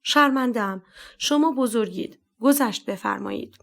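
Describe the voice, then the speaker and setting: A woman voicing a meek middle-aged man who pleads and flatters an officer to be forgiven. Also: a little high, vocal fry. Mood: pleading.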